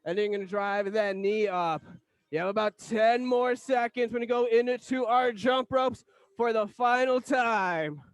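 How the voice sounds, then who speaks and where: Here the same kind of energetic, high-pitched male aerobics instructor coaches a fitness class, motivating the group with counted cues and countdowns. His delivery is unhurried, and there's no echo.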